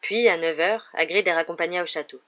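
An audiobook narrator reading a story in a steady, measured way. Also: medium pitch, highs cut off.

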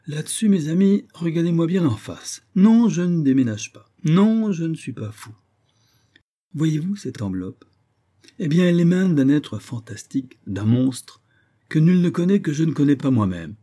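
A man reading an audiobook, voicing an excitable eccentric sleuth who talks theatrically, like a street hawker. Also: mid-range voice, moderate pace, husky, lightly acted. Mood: fervent. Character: excitable eccentric middle-aged male sleuth.

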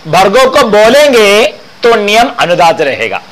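A man teaching Vedic mantra chanting, intoning each line slowly and then explaining the pitch marks. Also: very animated, a bit bright, a little hiss or hum, rough recording.

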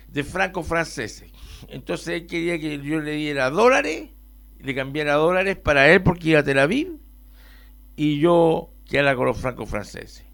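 A man with a Chilean accent telling a rambling personal travel story on a radio show, animated, jumping between loud outbursts and mumbled asides. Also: a little high, creaky, no echo.

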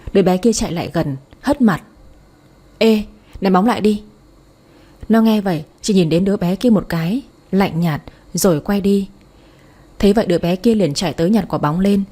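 A woman reading a romance story aloud in scripted narration, soft and emotive. Her voice is mellow and warm with a breathy, slightly husky texture. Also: medium pitch. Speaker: audiobook narrator.

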